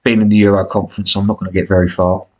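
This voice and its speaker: A British man with a smoker's rasp and cough, giving chatty, blokey, self-deprecating commentary on a football management game as he live streams. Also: low voice, level tone, racing, darkish tone.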